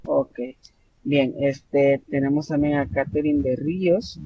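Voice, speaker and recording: A man's voice: fairly high pitch, steady tone, slow. A Salvadoran man tutoring an online class, explaining patiently with many fillers and self-corrections. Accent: Salvadoran Spanish. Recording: dull lo-fi online class audio with faint noise.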